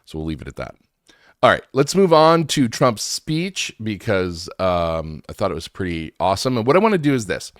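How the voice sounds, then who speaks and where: Male host, low voice, a little wheezy with allergies, chatty commentary, dry close sound. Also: very animated, normal speed, no echo. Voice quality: slightly wheezy. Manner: informal, conversational. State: congested from allergies. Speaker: talk show host. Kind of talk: casual political commentary.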